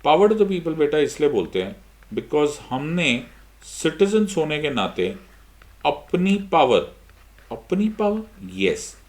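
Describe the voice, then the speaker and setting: A middle-aged Indian man teaching an exam-prep lesson, switching between Hindi and English with an Indian accent and putting questions to himself before he answers them. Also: a little high. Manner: lively, mixes Hindi and English, asks and answers his own questions. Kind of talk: online lecture.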